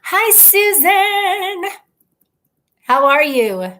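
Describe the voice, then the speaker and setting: A woman's voice: very high-pitched, big pitch swings, extremely slow, bright, forceful tone. A woman chatting casually on a livestream from her home computer, greeting viewers by name and poking fun at herself. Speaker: livestream host. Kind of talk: casual live-stream chat. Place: at home, indoors. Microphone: computer webcam mic.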